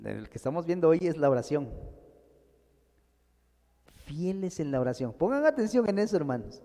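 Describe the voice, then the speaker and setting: A male pastor preaches to his congregation, pressing hard on key lines, then dropping low and soft. His voice sits a little high yet sounds dark and mellow. A long church reverb trails behind every phrase. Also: sing-song, normal speed. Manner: preaching, addressing the congregation as brothers, rising and falling emphasis. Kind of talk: sermon.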